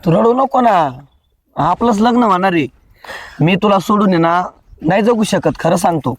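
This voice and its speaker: An actor playing a nervous young boyfriend who talks softly and pleadingly. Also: male voice, high voice, normal speed, no room sound.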